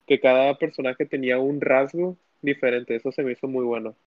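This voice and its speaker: A young man, recapping a show in casual podcast chat, rambling and restarting often. His voice sits mid-pitch. The sound is dry and dull, lo-fi. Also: steady tone, fairly quick, no echo. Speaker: podcast co-host.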